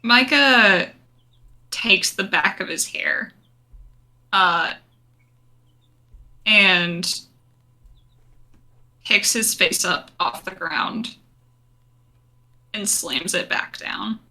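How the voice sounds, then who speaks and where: A woman's voice: medium pitch, animated, extremely slow, long pauses, pushed and bright. A woman playing a tabletop game, casually improvising her character's actions.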